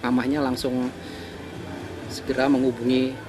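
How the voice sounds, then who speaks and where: A man's voice: medium pitch, completely flat delivery, a little slow. A man recounting events in an interview, hesitant and full of fillers. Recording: music bed under the voice.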